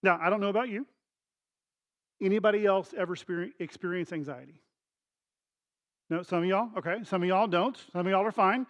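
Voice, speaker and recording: A man's voice: high voice, brisk, long pauses. A middle-aged man preaching a sermon, telling a story conversationally with acted dialogue and sound effects. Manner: conversational, addresses congregation directly. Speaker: pastor.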